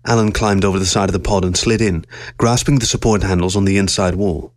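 A man narrating a science-fiction story aloud with steady, measured storytelling. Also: sits low, no room sound.

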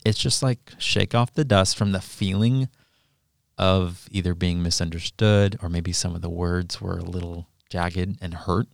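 Deep-voiced encouraging male podcast host. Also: vocal fry, no room sound, studio quality. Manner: earnest, encouraging, thinks aloud with restarts. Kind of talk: casual podcast conversation.

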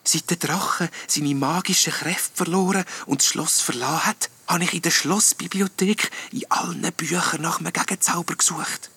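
A man voicing a small, sad and hopeful ghost, speaking softly in a whispery way in a storybook reading. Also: on the high side, steady tone, normal speed, hardly any pauses, husky, no echo, pitched above the performer's own voice, full character voice. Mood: solemn hushed. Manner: soft and whispery.

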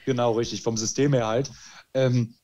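A man chatting as a podcast host, animated and restarting his sentences often with filler words. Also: medium pitch, moderate pace, muffled recording. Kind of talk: casual chat. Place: lives in Spain.

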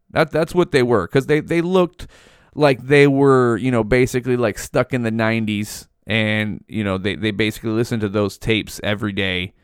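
A man's voice: mid-range voice, clear, resonant tone, dry recording, studio quality. A man hosting a podcast, telling a rambling, heavily profane story in casual slang. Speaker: podcast host.

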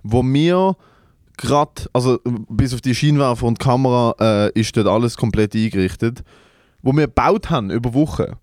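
A man's voice: normal speed, darkish tone, no room sound, clean studio sound. A young man with a Swiss German accent co-hosting a podcast, teasing his partner and laughing often as he jokes. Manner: teasing, laughs often, jumps in high when joking. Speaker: podcast co-host. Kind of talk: casual banter. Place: small studio room.

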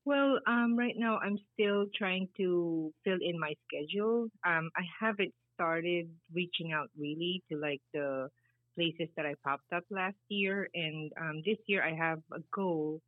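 A woman's voice: lowish voice, a little slow, no room sound. A middle-aged woman from the Philippines, answering interview questions casually with many fillers. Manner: rambling, many fillers, laughs easily. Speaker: guest, baker and business founder. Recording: tinny phone-like line.

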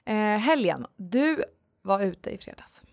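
A woman co-hosting a podcast in casual chat, lively and rambling with many fillers, on a studio mic. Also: medium pitch, gravelly. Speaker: podcast co-host.

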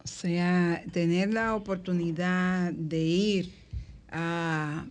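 A woman's voice: lowish voice, fairly even intonation, drawn-out words, clean tone. A woman with a Dominican accent, hosting a radio panel and chatting casually in colloquial speech, stretching words for emphasis. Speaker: radio show host.

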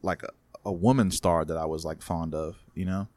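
A man's voice: deep voice, fairly even intonation, normal speed, darkish tone, dry recording. A man telling stories on a podcast in a casual, rambling way, full of restarts and swearing. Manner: rambling, profane, restarts a lot. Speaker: podcast co-host and comedian. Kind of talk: casual storytelling chat.

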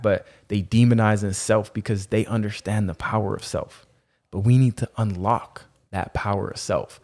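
Male podcaster, slightly deep register, Rasta-flavoured phrasing, earnest motivational monologue with emphatic repetition. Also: a little mellow. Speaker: podcast host.

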